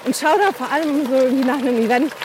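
Brief: high-pitched female vlogger asking questions mid-ride, heavy outdoor noise. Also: racing. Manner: chatty, asks questions. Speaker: vlogger and host. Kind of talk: casual chat while cycling. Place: outdoors on a group bike ride. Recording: loud outdoor wind and traffic noise.

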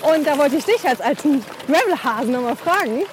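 Brief: high-pitched female vlogger asking questions mid-ride, heavy outdoor noise. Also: animated, a little fast. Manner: chatty, asks questions. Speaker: vlogger and host. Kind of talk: casual chat while cycling. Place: outdoors on a group bike ride. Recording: loud outdoor wind and traffic noise.

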